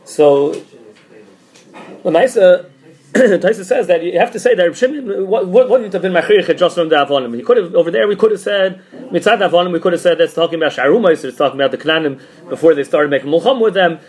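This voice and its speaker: A man's voice: high-pitched, expressive, darkish tone. A man giving an informal religious text class, thinking aloud and often repeating and restarting his phrases. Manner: halting, repeats and restarts phrases mid-thought. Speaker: teacher giving a Talmud class.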